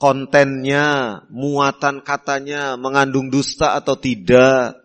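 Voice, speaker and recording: A middle-aged man preaching a sermon, teaching slowly and deliberately with frequent "ya" fillers and soft acted-out quotes of polite hosts. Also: medium pitch, little pitch movement. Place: Islamic boarding school hall.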